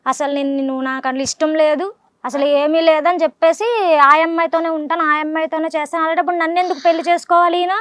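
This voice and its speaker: A woman's voice: very high voice, level tone, fast, fairly bright tone, dry recording, studio quality. A wife on a family dispute show, complaining in an aggrieved way about her husband.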